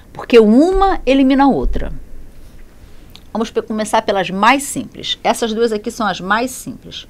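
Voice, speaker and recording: A woman teaching a Spanish lesson in Portuguese, who poses questions, answers them herself and corrects her slips as she goes. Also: fairly high pitch. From Brazil. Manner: lively, repeats and self-corrects, asks and answers her own questions. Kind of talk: classroom lesson explaining grammar.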